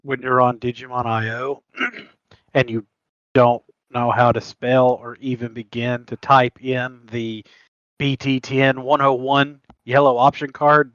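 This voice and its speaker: A man's voice: mid-range voice, a bit bright, dry recording, highs cut off. A man co-hosting a podcast, joking at himself and laughing through his stories in casual chat. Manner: self-mocking, laughs while telling stories. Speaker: podcast co-host. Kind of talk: casual card game chat.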